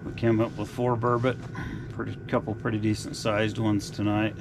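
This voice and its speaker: A middle-aged man giving relaxed, folksy updates in a casual outdoor vlog, recorded on a camera mic. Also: fairly low pitch, moderate pace, gravelly, background noise. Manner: laid-back, folksy updates. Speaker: outdoor vlogger. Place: frozen lake outdoors and inside an ice-fishing tent.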